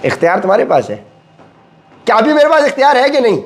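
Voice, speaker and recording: A man's voice: extremely high pitch, very animated. A man teaching a Quran study session, reading a translation and explaining it in a conversational way, with rhetorical questions. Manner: conversational, asks rhetorical questions, mixes English words.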